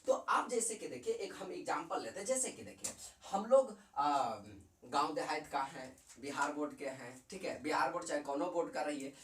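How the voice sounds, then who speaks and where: A man's voice: a little high, a bit bright, distant mic. Bihari guy teaching chem, voice jumps all over, kinda roomy and off mic. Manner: chatty, repeats and quizzes the viewer, mixes in dialect. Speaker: chemistry teacher. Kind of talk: casual classroom lecture.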